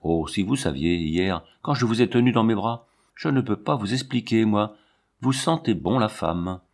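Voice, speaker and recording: A man's voice: fairly low pitch, expressive, normal speed, darkish tone. A man reading an ardent, pleading lover. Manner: pleading, impassioned. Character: ardent lovestruck man, a fairground performer.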